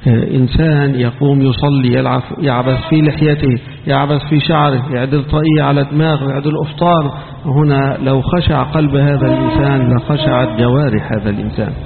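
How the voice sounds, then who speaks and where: A man's voice: medium pitch, steady tone, a little fast, background noise. A man with an Egyptian Arabic accent, a sheikh teaching Quran commentary in a mosque, who moves from formal preaching to scolding colloquial asides. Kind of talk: mosque lesson on scripture. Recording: tinny phone-like recording in echoey hall.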